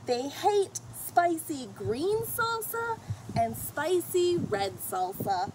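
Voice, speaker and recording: Outdoors on a fenced patio or deck, a middle-aged children's story reader goes through a picture book in an extremely high, extremely slow voice. She reads with emphatic expression, speaking directly to the children and the characters, and the outdoor camera a short distance away picks up faint noise.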